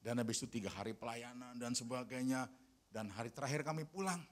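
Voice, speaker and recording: A man preaching a sermon as pastor, telling a personal story in an animated way that grows loud and emphatic. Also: medium pitch, fast talker.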